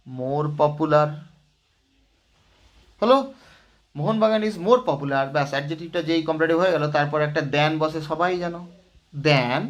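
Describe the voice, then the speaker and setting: A man teaching grammar as a lesson, explaining step by step and asking rhetorical checks. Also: fairly high pitch. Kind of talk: classroom lesson.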